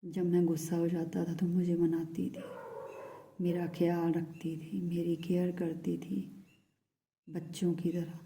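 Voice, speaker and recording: A woman channels a lovesick man's plea as a first-person love message, her tone tender and pleading. Her voice is very mellow and dark, low-pitched for a woman, flat and even, and she speaks a little slowly, softly and quietly, frequently sinking into a whisper.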